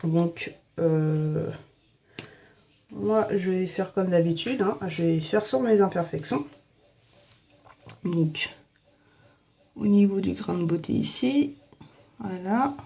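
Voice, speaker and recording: Young woman, casual tutorial chat, soft mellow voice, lots of fillers, phone headset mic. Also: lowish voice, takes it slowly, creaky, pauses often. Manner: chatty, many fillers and "en fait". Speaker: beauty vlogger. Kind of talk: casual hair and makeup tutorial. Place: her bathroom.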